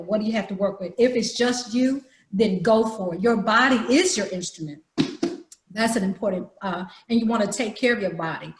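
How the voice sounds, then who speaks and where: A woman theater teacher leading an online acting workshop over a video call, talking in an animated way. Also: mid-range voice. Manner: animated, demonstrates voices. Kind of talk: online badge workshop talk. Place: home room. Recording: roomy echo.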